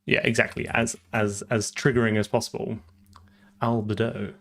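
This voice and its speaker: A man's voice: medium pitch, flat delivery, fairly quick, creaky, a bit bright. A man live-streaming his programming, talking through code and answering chat, often trailing off and repeating words.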